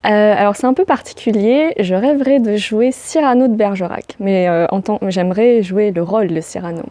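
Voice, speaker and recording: A woman's voice: medium pitch, a little fast, mellow, dry recording. A woman actress answering interview questions in a playful, rambling way, laughing often and hesitating with fillers.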